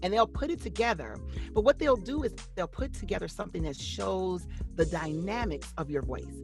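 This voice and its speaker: A woman voice-over actress talking about her career in an interview, animated and excitable. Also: on the low side, moderate pace, faint music behind. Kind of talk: casual interview talk.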